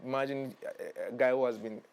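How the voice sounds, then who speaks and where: A man's voice: mid-range voice, fairly even intonation, a little fast, creaky, a little mellow, clear, resonant tone. Hesitant young Ghanaian male musician. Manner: hesitant, repeats himself, earnest. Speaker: musician guest. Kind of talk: casual interview chat.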